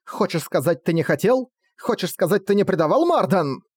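A man voicing a furious young woman who shouts harshly at a traitor. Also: on the low side, animated, brisk, husky, no room sound, clean studio sound, pitched above the performer's own voice.

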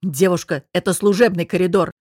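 A woman reading an audiobook, voicing a tall, rude young man who talks in a gruff, rumbling, challenging way. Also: steady tone, moderate pace, no echo, clean studio sound, close to an everyday voice. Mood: angry.

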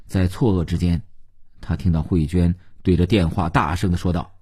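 A man narrating a novel as an audiobook, in an expressive storytelling way. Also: sits low, normal speed, slightly rough.

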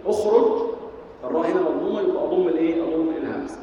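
A man's voice: fairly high pitch, animated, racing, dark tone, lo-fi sound. A man with an Egyptian accent teaching a class, asking questions and answering them himself. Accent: Egyptian Arabic. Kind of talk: classroom lesson on Quranic sciences. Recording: echoey hall, mic far off, faint noise.

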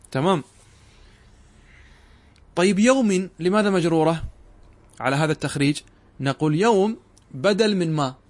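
A middle-aged man lecturing on Arabic grammar, explaining step by step and asking his students questions that he then answers himself. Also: on the high side. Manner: addresses students directly and urges them to pay attention. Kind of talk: classroom lecture.

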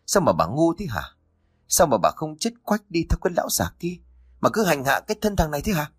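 A man's voice: a little high, huge pitch swings, fairly quick, breathy edge, no room sound, clean studio sound, voice pushed up, full character voice. A man voicing a brutal grown son who bellows in rage. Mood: furious.

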